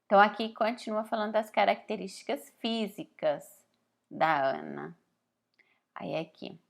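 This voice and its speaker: A woman's voice: medium pitch, gravelly. Brazilian woman teaching Italian, casual. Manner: explains slowly, reads Italian phrases aloud carefully; frequent "né?" tag questions. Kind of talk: casual spoken lesson.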